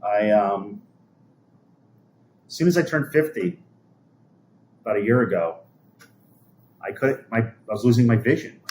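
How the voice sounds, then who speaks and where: A livestream host from NYC, in his 50s, casually chats and replies to viewers' comments, wandering from point to point and often trailing off. His voice is medium in pitch with a darkish tone.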